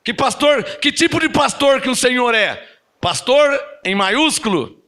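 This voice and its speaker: A man with a Brazilian Portuguese accent preaching a sermon to a congregation, animated and often asking them questions. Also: extremely high pitch, unhurried. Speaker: apostle preaching. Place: church service.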